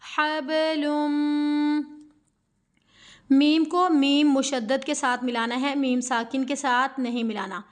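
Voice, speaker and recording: A woman Quran teacher with a Pakistani Urdu accent speaks in a high voice at normal speed, barely pausing. She patiently takes her students through recitation step by step, spelling out sounds syllable by syllable and asking them questions.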